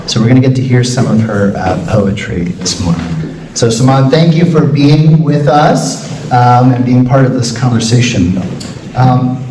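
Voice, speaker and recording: Relaxed man hosting, heard in an echoey hall. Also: medium pitch, unhurried. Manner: relaxed and hesitant, with many "uh"s. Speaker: church forum host. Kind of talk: hosting an interview. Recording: echoey hall, voice from far off mic, faint noise.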